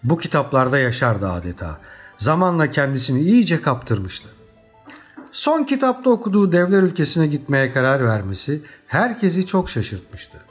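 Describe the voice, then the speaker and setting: A man narrating a children's storybook audiobook in an expressive, dramatic storytelling manner. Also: on the high side, moderate pace, soft background music.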